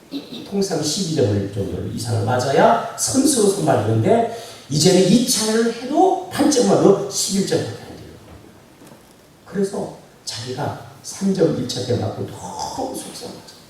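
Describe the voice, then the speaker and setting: A man's voice: medium pitch, darkish tone, slight background noise. A male pastor preaching a sermon, telling a story and putting questions to the congregation, heard from a distance in a church. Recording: echoey church hall, distant mic.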